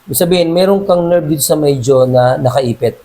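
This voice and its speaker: Mellow-voiced man calmly coaching a client. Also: a little high, brisk, low-quality recording. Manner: calm, reassuring, adds "sir" to nearly every phrase. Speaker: massage therapist treating a client. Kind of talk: casual instruction during a hands-on treatment.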